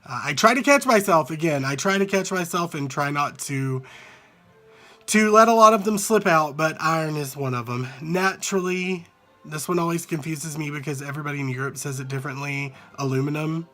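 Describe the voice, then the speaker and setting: Casual male vlogger, Southern American accent, voice a touch high, unscripted and rambling, music in the background. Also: pushed and bright. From Southern United States. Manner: repeats single words slowly to demonstrate pronunciation, rambling. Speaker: vlogger answering an accent challenge. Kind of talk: casual, unscripted chat to a phone camera. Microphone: handheld phone at arm's length.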